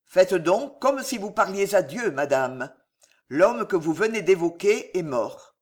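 A narrator voicing a monk confessor who speaks in a flat, indifferent, solemn way in an audiobook reading. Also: male voice, high-pitched, a little slow, exaggerated voice. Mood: cold.

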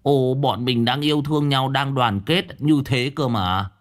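A man's voice: medium pitch, sing-song, measured pace, pitched above the performer's own voice. A man voicing a rowdy, nagging drunken village neighbor in a spoken ghost story. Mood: whiny. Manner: loud, nagging, slurring banter.

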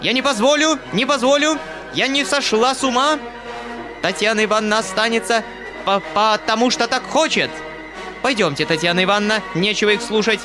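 A man voicing a shrill, furious, domineering noblewoman who scolds and shrieks at everyone. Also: a little fast, music in the background, natural voice. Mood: shrieking fury.

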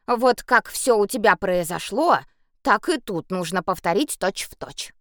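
A woman's voice: medium pitch, expressive, a little slow, a bit bright, no echo, studio quality. A woman voicing a mischievous, giggly werewolf boy in a storybook reading, teasing and eager.

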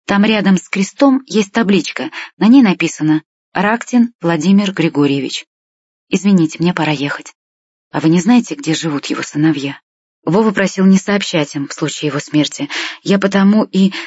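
A polite middle-aged man apologizes and explains plainly, as a woman reads his lines. The voice is lowish and husky. The recording sounds dull and dry. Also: moderate pace, darkish tone, no room sound. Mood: apologetic. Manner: apologetic, matter-of-fact.

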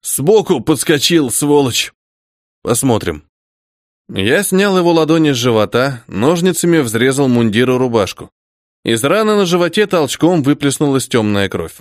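Man narrating a war audiobook, lively. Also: medium pitch, moderate pace, no room sound, studio quality. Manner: dramatic, expressive reading. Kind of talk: first-person audiobook narration.

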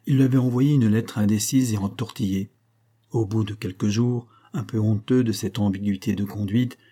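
A man narrating a classic novel as an audiobook in a measured, even reading. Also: on the low side. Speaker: audiobook reader.

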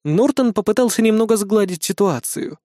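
A man reading a story aloud as an audiobook narrator, in an even storytelling voice. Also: high voice, normal speed, no echo, studio quality. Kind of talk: scripted narration.

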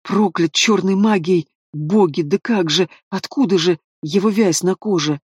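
A man's voice: fairly high pitch, steady tone, normal speed, dry recording, lightly acted. A man voicing a frightened old male healer in an audiobook, exclaiming in panic.

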